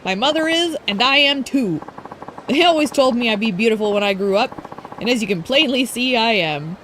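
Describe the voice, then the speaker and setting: A snooty young idol girl who brags and taunts in a raised, sing-song voice, as a woman reads her lines aloud. Her tone swings high and sharp with disdain, all boast and sneer, like a spoiled video game rival. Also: expressive, normal speed, a little hiss or hum. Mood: haughty. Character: bratty, arrogant young female rival idol.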